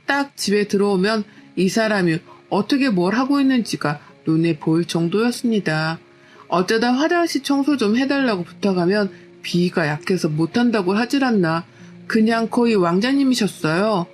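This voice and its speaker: A woman telling her own story in a scripted narration, weary and aggrieved as she recounts her troubles. Her voice sits at a middling pitch. Soft music plays quietly behind her.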